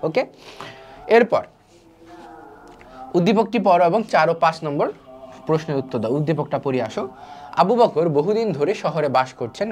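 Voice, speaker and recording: Young male teacher, rapid lecture delivery with rhetorical questions. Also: on the high side. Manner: quick, lively explaining with many rhetorical questions. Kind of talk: online class lecture.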